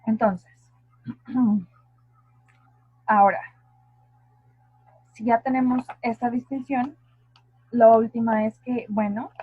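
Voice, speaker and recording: Husky-voiced woman lecturing over a tinny line. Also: fairly high pitch, dry recording. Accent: Mexican Spanish. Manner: explanatory, asks the class rhetorical questions. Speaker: linguistics tutor. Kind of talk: online lecture. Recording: dry, phone-like narrow sound.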